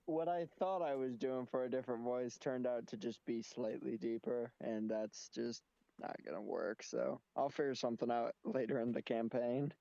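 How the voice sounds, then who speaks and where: A man's voice: mid-range voice, moderate pace, vocal fry, mellow, no room sound. Joking man, dull dry mic. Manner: joking, teasing. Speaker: player. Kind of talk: casual chat before a tabletop game.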